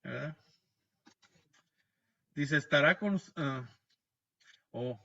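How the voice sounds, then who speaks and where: Speaking extremely slowly, a man with a gravelly, bright and forceful voice, somewhat high for a man, walks a video-call Bible class through the material point by point. He keeps asking tag questions to check in and restarts words, and the sound is muffled and low quality.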